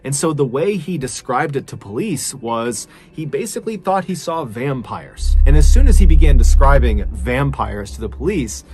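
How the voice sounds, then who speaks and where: A man's voice: medium pitch, animated, normal speed, few pauses, darkish tone. A man narrating a horror story in a suspenseful, dramatic way, building tension with repetition.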